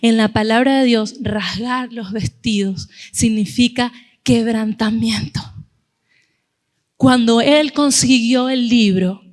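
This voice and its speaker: High-voiced woman preaching in an echoey hall. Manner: animated storytelling, acting out quoted voices. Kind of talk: sermon. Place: church.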